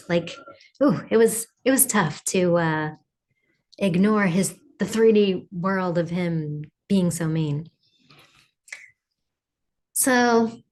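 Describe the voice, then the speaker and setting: A woman's voice: mid-range voice, a little mellow. A woman talking casually and confessionally, telling a personal story in a chatty way and often quoting her own thoughts. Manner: chatty, frequent "like", quotes own thoughts and affirmations.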